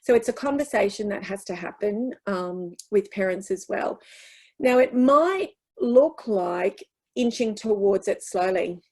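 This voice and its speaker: A woman's voice: mid-range voice, lively intonation, unhurried, a little mellow, husky, low-quality recording. Earnest woman presenting a workshop. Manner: earnest, reassuring, emphatic with restarts. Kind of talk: workshop talk answering questions.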